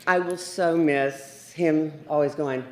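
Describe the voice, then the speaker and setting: Middle-aged woman telling lively stories. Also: low-pitched, slow pace. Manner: lively storyteller, acts out quotes. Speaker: eulogy speaker. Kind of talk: memorial eulogy with anecdotes. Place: memorial service room. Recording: echoey livestreamed room.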